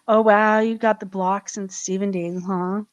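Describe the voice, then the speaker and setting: A woman co-hosting a casual live stream chat, quick to laugh and reading out viewer comments. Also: mid-range voice, fairly even intonation, clear, resonant tone, no echo. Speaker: co-host.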